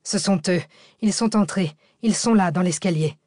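A woman's voice: lowish voice, moderate pace, darkish tone, no room sound, studio quality, natural voice. A woman voicing an urgent young man who gives terse, commanding orders during an escape.

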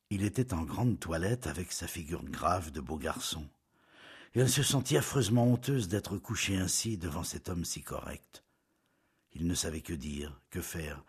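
A man reading a novel aloud in scripted narration, measured and intimate, often dropping to a hush. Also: low-pitched, slightly rough.

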